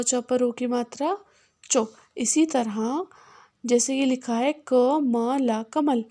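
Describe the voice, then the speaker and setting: Woman teacher for a kids' phonics lesson, sounds out every syllable, slow and patient. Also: fairly high pitch, mellow. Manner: sounds out syllables slowly and repeats them; switches between Hindi and simple English.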